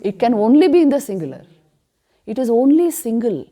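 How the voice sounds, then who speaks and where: A woman leads a scripture class at a retreat, and her voice sounds warm and mellow. She asks rhetorical questions and answers them herself with firm emphasis. Now and then she slows down to chant the verses. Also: on the high side, very animated. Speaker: spiritual teacher.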